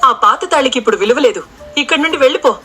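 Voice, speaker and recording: Woman as a stern older mother-in-law: commanding, harsh, bright. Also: sits high, animated, racing, soft background music, voice pushed up.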